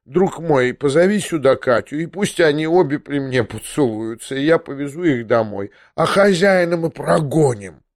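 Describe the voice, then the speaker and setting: A frail old prince, tearful and muddled, pleading in a high, quavering voice that stretches out its words, as a male reader puts him on. The sound is dry and close. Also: animated, normal speed, hardly any pauses, no room sound. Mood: overjoyed. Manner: trembling, pleading, drawn out, sprinkled with French. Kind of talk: audiobook character voice.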